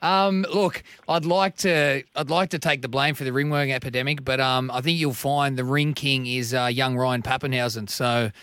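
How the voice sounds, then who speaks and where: A man's voice: mid-range voice, moderate pace, few pauses, clear, resonant tone, no room sound, studio quality. An Australian man, a footballer guest on a sports radio show, talking casually and restarting his words. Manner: relaxed, repeats and restarts words.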